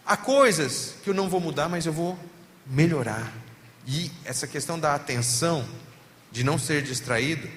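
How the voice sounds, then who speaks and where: A man with a Brazilian Portuguese accent, a pastor preaching at a family seminar and telling stories with lively emphasis. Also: mid-range voice. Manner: animated storytelling, voice rising and falling for emphasis. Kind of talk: sermon. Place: church hall at a family seminar. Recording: reverberant hall, faint background noise.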